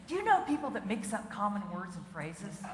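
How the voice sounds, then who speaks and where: A middle-aged woman giving a comic keynote talk, chatty and animated, asking the audience questions and laughing at her own jokes. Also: medium pitch, fairly quick. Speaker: keynote speaker. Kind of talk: stand-up style comic keynote. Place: large conference hall. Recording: echoey hall with faint noise.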